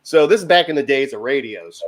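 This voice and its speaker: A man telling a long, funny work anecdote on a talk show, animated and laughing as he goes. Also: mid-range voice, fairly quick. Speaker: HVAC technician guest. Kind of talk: casual storytelling on a talk show.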